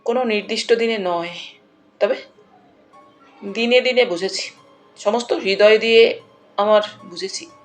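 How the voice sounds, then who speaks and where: A woman reading the part of a gentle, shy young man who speaks softly and tenderly. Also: mid-range voice, unhurried, pauses often, soft background music, natural voice. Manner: soft, tender, hesitant.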